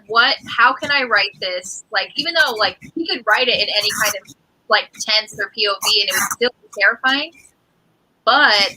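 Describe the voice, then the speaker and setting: A woman's voice: on the high side, sharp tone, rough recording. A woman in a casual live book chat, talking through how a book is written in a thoughtful, analytical way.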